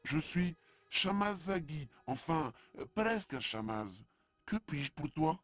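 An actor playing a humble, earnest alien apprentice priest in a video game, deferential and apologetic. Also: male voice, a little high, very animated, takes it slowly, fairly bright tone, dry recording, soft background music, full character voice. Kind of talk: French video game dub acting.

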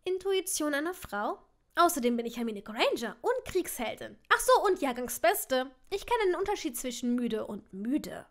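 A woman's voice: fairly high pitch, level tone, moderate pace, few pauses, breathy edge. A woman voicing a clever, teasing young heroine.

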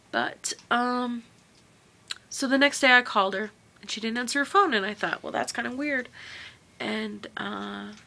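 A woman vlogger telling a personal memory to camera, halting and emotional, often trailing off quietly. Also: fairly high pitch.

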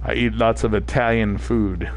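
With a lowish voice and fairly even intonation at normal speed, a man from New England talks his way through a shooter game on a live stream. The commentary is casual and meandering, broken up by him reading chat messages aloud.

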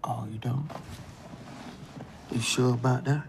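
An actress playing a young woman flatmate in a TV comedy-drama, speaking in dry, needling retorts. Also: a bass voice, slow, slight background noise. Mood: teasing.

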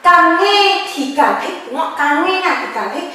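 A woman teaching a grammar lesson, drilling words slowly and often asking her class questions. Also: very high voice, lively intonation, sharp tone. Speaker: Japanese language teacher. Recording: very echoey room, voice from far off.

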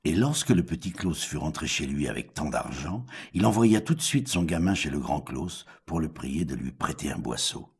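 A deep-voiced man reading a fairy tale, his intonation lively and full of turns. The voice is quite husky. He tells the story with expressive flair. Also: normal speed, few pauses. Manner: expressive, animated voice changes.

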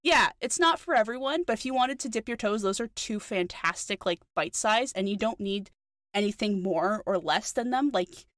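A woman's voice: medium pitch, animated, moderate pace, fairly bright tone, no room sound. Woman, New Zealand accent, podcast co-host; chatty and eager, dry close sound. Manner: chatty, enthusiastic, many fillers. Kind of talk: casual chat.

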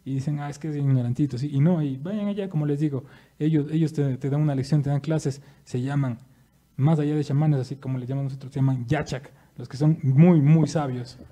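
An Ecuadorian man talks through media theory on a podcast, animated and full of asides. His voice sits a little high, yet it sounds very dark and mellow. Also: brisk. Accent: Ecuadorian Spanish. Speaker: podcast co-host. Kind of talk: casual discussion. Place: studio.

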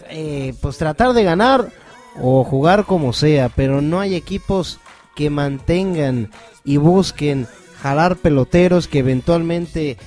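Mexican male host of a sports talk show, joking and conversational, with a slightly raised pitch. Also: darkish tone. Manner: chatty, joking, wraps up the segment.

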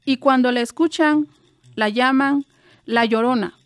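A woman from Guerrero, Mexico, tells a traditional folk tale in a soft, measured voice. Her voice sits high, and she takes her time over each phrase. The recording is dry and close. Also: smooth, no room sound. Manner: slow, measured and soft-spoken. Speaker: writer and storyteller.

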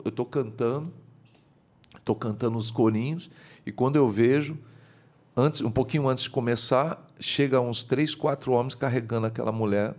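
In a podcast studio, a bishop appears as a guest and tells a story, his voice shooting up high whenever he gets excited.

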